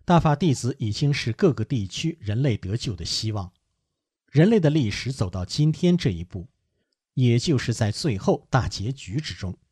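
A man giving an earnest, measured read-aloud of a first-person account. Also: medium pitch, sing-song, a little mellow, husky, no echo, studio quality.

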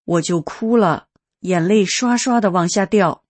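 A woman reading a first-person testimony aloud in a calm, earnest storytelling manner. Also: mid-range voice, a little slow.

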